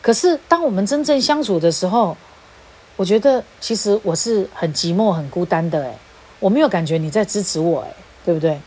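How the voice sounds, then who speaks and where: A woman's voice: mid-range voice, expressive, fairly quick, a little mellow, husky. A woman with a Taiwanese accent giving an informal talk, slipping Hokkien phrases into her Mandarin. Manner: mixes Hokkien phrases into Mandarin, acts out quoted speech. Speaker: speaker on relationships. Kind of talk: informal lecture.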